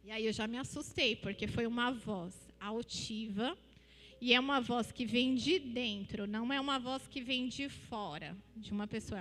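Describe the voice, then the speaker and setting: A woman's voice: fairly high pitch, fairly bright tone. A woman from Brazil giving an earnest, emotional spoken testimony in a church, retelling her story with repeated phrases. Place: church hall. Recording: long hall reverb with faint music.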